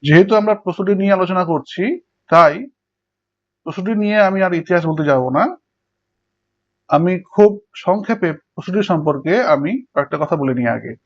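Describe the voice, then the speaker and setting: A man's voice: high-pitched, fairly quick, long pauses. A male teacher explaining English prosody step by step to students and working through examples. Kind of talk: Bengali lecture on English prosody. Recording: dull lo-fi recording.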